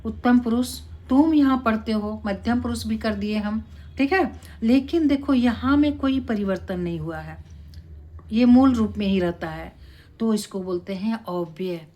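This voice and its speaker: A woman teaching a Sanskrit class, explaining slowly and deliberately and often checking in with her students. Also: on the high side, muffled recording. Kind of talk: classroom lesson.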